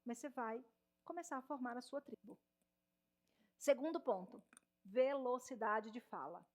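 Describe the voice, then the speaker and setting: A woman mentoring on public speaking, giving a lively talk on stage to a live audience and asking them questions. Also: a little high, unhurried.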